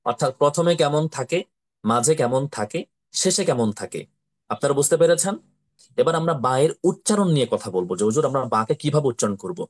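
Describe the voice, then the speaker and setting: A man teaching how to read the Quran, slowly repeating syllables and asking his pupils to say them with him. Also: mid-range voice. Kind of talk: slow drilling lesson with repetition.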